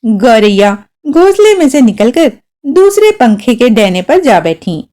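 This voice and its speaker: A woman reading a short story aloud as narrator, with expressive storytelling. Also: fairly high pitch, a little slow.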